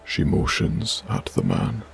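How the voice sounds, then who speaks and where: A man narrating a bedtime sleep story in a soft, hushed, breathy manner. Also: slow, slight background noise.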